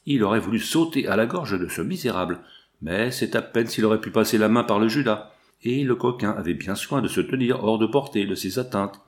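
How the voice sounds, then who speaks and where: A man's voice: fairly low pitch, fairly quick. Man narrating a classic novel. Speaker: audiobook narrator.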